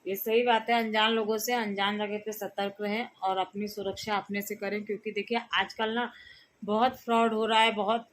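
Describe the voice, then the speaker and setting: A woman's voice: mid-range voice, level tone, normal speed, a little hiss or hum. A woman vlogger in her thirties telling a rambling personal story to her viewers in a casual, chatty way. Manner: chatty, rambling, frequent fillers and restarts.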